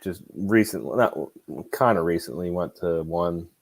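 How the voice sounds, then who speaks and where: A man asking questions in a casual podcast chat over a remote call, chatty and quick to laugh and agree. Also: low-pitched, vocal fry, a crowd in the background. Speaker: interviewer.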